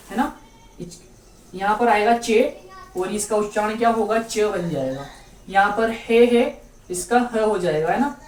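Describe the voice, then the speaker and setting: A woman's voice: medium pitch, darkish tone. A woman teaching a beginners' language lesson, patiently repeating each letter and checking in often. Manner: patient, repeats each letter slowly with frequent "theek hai". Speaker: Urdu teacher. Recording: roomy, distant mic with faint background noise.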